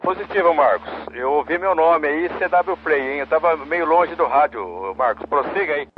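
A man's voice: a little high, animated, normal speed. A man calling in as an amateur radio operator over a two-way radio, explaining a practice method patiently and step by step. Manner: explains patiently in small steps. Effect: heard over a two-way radio transmission. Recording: muffled radio transmission with clear static hiss.

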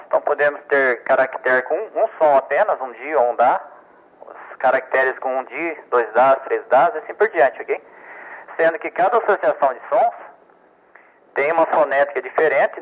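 A man explaining telegraphy basics in a patient, repetitive lesson, often stammering and checking with "ok?". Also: on the high side. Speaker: telegraphy instructor. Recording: tinny radio transmission.

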